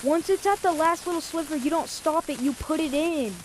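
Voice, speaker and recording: A woman's voice: high voice, brisk, a little hiss or hum. A woman hosting a VR gameplay video, chatting casually and exclaiming often over a headset mic. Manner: excitable, exclaiming. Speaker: VR gameplay host.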